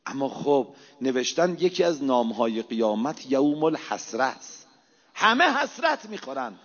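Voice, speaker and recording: A man preaching an impassioned sermon, swinging between hushed low asides and loud, rising exhortations. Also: sing-song. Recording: reverberant hall, dull lo-fi sound.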